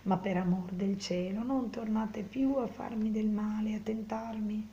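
A woman's voice: mid-range voice, steady tone, measured pace, highs cut off, natural voice. A woman voicing a frail, pious young peasant woman. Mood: imploring. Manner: soft, half-whispered.

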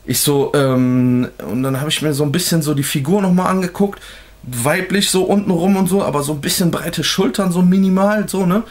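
A man's voice: on the high side, fairly quick, darkish tone. A young man talking straight to the camera in a vlog, telling a long personal story in loose slang, full of fillers and restarts. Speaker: vlogger. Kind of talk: casual storytelling.

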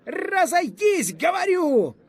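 A man voicing a frightened young army officer who barks orders in a frantic, shrill yell. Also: sing-song, unhurried, slightly rough, heavily acted. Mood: threatening. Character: panicked young army officer barking commands.

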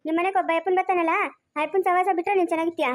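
A woman acting out a fussing village woman with a rural Chikkaballapur Kannada accent, who chatters, coaxes and scolds. Her voice sits very high and races along at a breakneck clip. The skit is an amateur village drama. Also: steady tone. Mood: bantering. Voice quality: quick chattering, coaxing and scolding. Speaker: actor in a family village skit.

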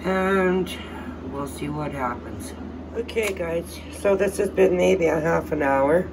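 A man's voice: fairly high pitch, slow pace, vocal fry. A man chatting casually in a soap-making vlog at home, thinking aloud with fillers as he goes. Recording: distant mic, air-conditioner hum.

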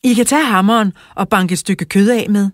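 A woman's voice: medium pitch, no room sound, studio quality, pitched above the performer's own voice, close to an everyday voice. A woman voicing a cheerful grown woman laid up with a sore back, in a children's audiobook. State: in pain from her back.

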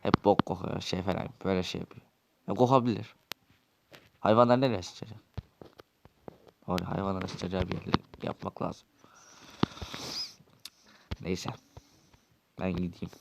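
A man's voice: low-pitched, level tone, normal speed, vocal fry, long pauses, heavy background noise. A man acting out a quarrelsome, swearing Minecraft role-play dialogue.

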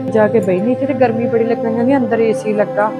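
A woman's voice: on the high side, fairly even intonation, fast, over loud music, lightly acted. An actress playing a middle-aged mother-in-law who pleads with her daughter-in-law and keeps saying she is sorry. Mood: remorseful. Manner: pleading, repentant, affectionate. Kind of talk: Punjabi short film acting.

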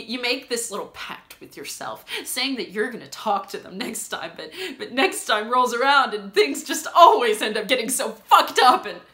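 A young woman acting a stage monologue as a rambling, self-conscious, lonely woman, halting and repeating her words in an emotional way. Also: mid-range voice, pushed and bright. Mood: frustrated, apologetic. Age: young adult. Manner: halting, rambling, repeating words, swinging between nervous laughter and tearfulness. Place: small room indoors with bare wall. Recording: roomy echo.

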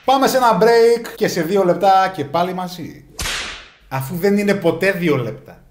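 A high-pitched man delivers a satirical comic monologue. His tone is sarcastic and ironic, and he mimics the people he talks about. The recording has the ring of an echoey room. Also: animated, slight background noise. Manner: sarcastic, ironic, acts out neighbors and friends in quoted voices. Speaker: comedian.

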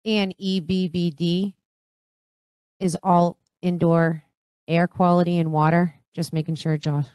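A woman's voice: on the low side, flat delivery, a little slow, warm tone, clear, resonant tone, dry recording. A woman on a school board going carefully over policy details. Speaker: board member.

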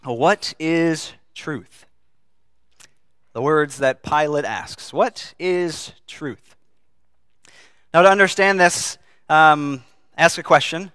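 A man preaching an earnest sermon to his congregation, his voice bright and forceful. The sound is crisp and resonant, recorded dry and close with no room echo. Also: a little high. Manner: earnest, asks the congregation questions. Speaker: pastor. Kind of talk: sermon with scripture reading.

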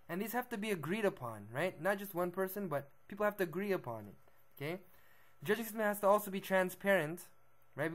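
A man's voice: fairly high pitch, a bit bright. A young man, a b-boy, talking through a list of points in a casual monologue and often checking in with "okay?" and "right?". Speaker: b-boy vlogger.

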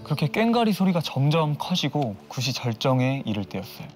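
A man telling a ghost story on a TV studio set, building suspense with drawn-out pauses. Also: medium pitch, big pitch swings. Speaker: storyteller on a horror talk show. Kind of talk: dramatic ghost-story narration. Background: eerie background music.

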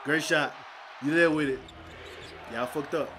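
Hyped young dude reacting to hoops highlights, high voice, cussing a lot, talking to chat. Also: male voice, a little slow, background noise. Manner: excitable, profane, talks straight to viewers. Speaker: basketball reaction streamer. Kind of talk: casual reaction commentary.

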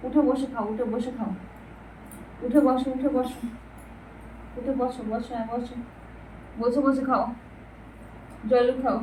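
A woman vlogging at home, coaxing a child with repeated urging and at times talking quietly on purpose. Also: a little high, steady tone, normal speed, pauses often, slight background noise. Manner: coaxing, repetitive urging while feeding a child. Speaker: vlogger and mother. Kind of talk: casual home vlog.

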